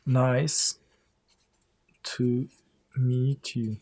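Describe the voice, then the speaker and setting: A male English teacher with a Turkish accent, chatting through a lesson, reading English lines slowly and translating them for his students. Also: mid-range voice, fairly even intonation, warm tone, breathy edge. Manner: chatty, addresses viewers as friends, reads English lines slowly then translates. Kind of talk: classroom lesson explaining exercises.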